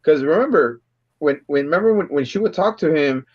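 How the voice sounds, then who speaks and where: Man, casual film chat, slightly high voice, repetitive and profane, muffled lo-fi audio. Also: a little fast. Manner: repetitive, profane, excited storytelling. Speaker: podcast co-host.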